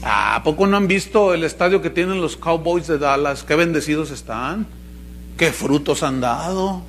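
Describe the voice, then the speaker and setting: A man's voice: on the high side, lively intonation, normal speed, a bit bright, slight background noise. A male pastor preaching to a live congregation, teasing and firing questions at them. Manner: mocking, humorous, asks the congregation questions. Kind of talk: sermon.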